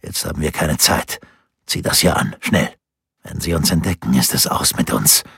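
A man voicing a hardened, protective man who speaks low, hushed and urgent. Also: lively intonation, moderate pace, vocal fry, breathy edge, dry recording, clean studio sound, heavily acted.

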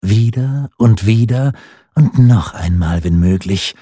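A cold, scheming noblewoman from an audiobook, commanding and insistent, as a male narrator puts her on. The voice is low, dark and husky, swinging widely in pitch. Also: animated, slow pace, no echo, studio quality, heavily acted.

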